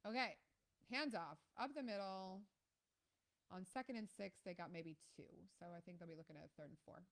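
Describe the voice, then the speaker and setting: A woman from Ohio hosting a live stream, chatting casually about football and reacting to plays with lots of ums and excited outbursts. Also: mid-range voice, a little fast. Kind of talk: casual live game commentary.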